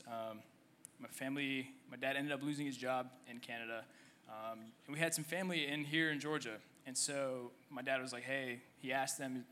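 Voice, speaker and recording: A young man in his twenties speaks on stage at a church service, his voice bright and forward. He talks haltingly, with lots of ums and restarts, and a faint room ambience sits behind him. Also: medium pitch, a little hiss or hum. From Egypt. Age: 20s. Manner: halting, many fillers and restarts. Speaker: church member guest. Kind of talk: conversational testimony on stage.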